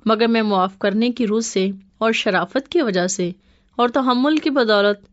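A woman's voice: a little high, no room sound, close to an everyday voice. A woman playing a daughter who questions and reasons in a scripted dialogue drama. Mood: reasoning. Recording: muffled lo-fi dry audio.

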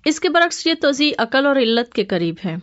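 A woman's voice: high voice, very animated, a bit bright, no room sound. A woman playing a daughter who questions and reasons in a scripted dialogue drama. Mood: reasoning. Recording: muffled lo-fi dry audio.

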